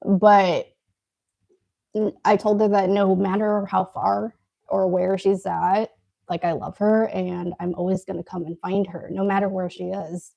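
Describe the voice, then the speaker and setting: Gravelly-voiced woman chatting over food. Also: medium pitch, level tone, measured pace, mellow. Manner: eats while talking, laughs often. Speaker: co-host. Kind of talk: casual live-stream chat.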